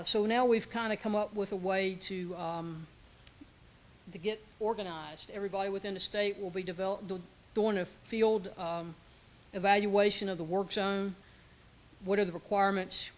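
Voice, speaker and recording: A transportation official gives an informal conference presentation in a high-pitched voice, full of fillers and self-corrections. The recording is rough.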